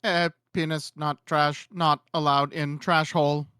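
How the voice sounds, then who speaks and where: Man doing a robot-voiced car: clipped beeps and alerts, dry and mid-pitched. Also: little pitch movement, a little slow, sharp tone, clear, resonant tone, dry recording. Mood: error alert. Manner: clipped, beeping machine announcements. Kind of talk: improvised fan story voicing.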